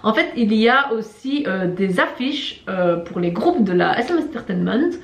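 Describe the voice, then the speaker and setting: A woman's voice: mid-range voice, animated, normal speed, creaky, roomy sound. A woman co-hosting a travel vlog, chatting casually as a guide with lots of fillers. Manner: chatty, many fillers, laughs at herself. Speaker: travel vlogger. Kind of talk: casual guide talk with a co-host.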